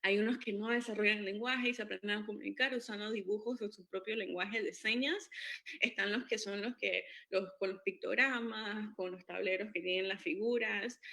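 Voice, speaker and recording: Bright-voiced woman explaining. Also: medium pitch. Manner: hesitant, many fillers and restarts. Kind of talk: informal educational talk.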